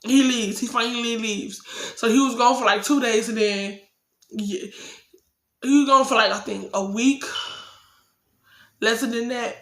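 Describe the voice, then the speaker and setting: A woman's voice: a little high, fairly even intonation, unhurried, pauses often, fairly bright tone, reverberant. A young woman telling a casual, profane storytime and acting out her own heated replies.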